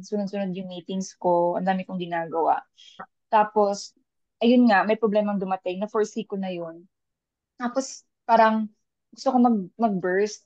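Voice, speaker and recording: A woman shares her experience as a working mother in an unhurried podcast conversation, often pausing and restarting her thoughts. The sound is dry and dull, like a lo-fi mic. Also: mid-range voice, a little mellow, no echo. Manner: thoughtful, mixes Tagalog and English, many restarts. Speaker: panel guest; working mother of young kids. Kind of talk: casual reflective podcast chat.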